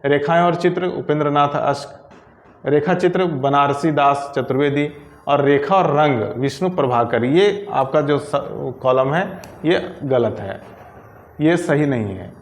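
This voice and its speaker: A man with a fairly high voice teaches Hindi grammar, working through each exam question step by step. He says every correct option aloud in a methodical way. The recording carries a noticeable room echo. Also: a little slow.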